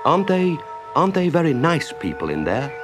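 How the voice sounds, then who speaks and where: Man as an excitable little mole, pitched high. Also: brisk, over music. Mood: curious. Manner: wide-eyed, eager, exclamatory. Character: naive, shy, excitable little male mole. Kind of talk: children's storybook character voice.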